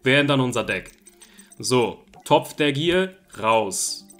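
A young man hosting a gaming video, giving excitable, exasperated commentary and repeating his phrases over and over. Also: medium pitch, slow. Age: young adult. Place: indoor gaming room on camera. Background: game music.

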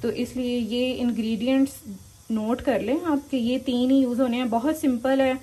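Cooking at her stove while frying sizzles behind her, a woman hosts a home-remedy tutorial on a handheld phone camera, chatty and instructive with frequent "okay" and "come on." Her slightly high voice has a steady, dark tone at normal speed, though the recording quality is low.

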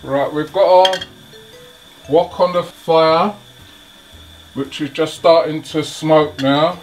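A man hosting a home cooking video, talking slowly and haltingly through each step of a recipe in his kitchen. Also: fairly high pitch, fairly even intonation. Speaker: cooking channel host. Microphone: off-camera, hands-only framing. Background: sizzling wok, faint music.

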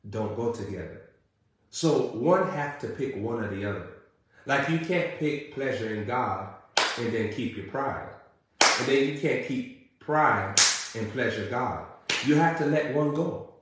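A man preaching a sermon, building through emphatic repeated questions and then dropping to a low, intimate tone. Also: a little hiss or hum. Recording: very echoey room.

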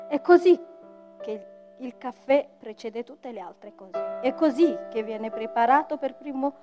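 A woman storyteller and writer on a theatre stage, reading a tale expressively and speaking directly to the audience. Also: a little high. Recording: dull lo-fi stage recording with faint music.

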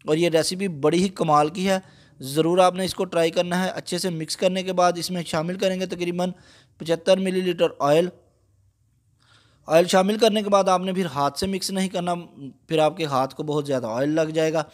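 Calm, slightly high-voiced man teaching a recipe. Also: moderate pace. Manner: calm, patient explaining with frequent fillers. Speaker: cooking channel host. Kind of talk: step-by-step cooking instruction.

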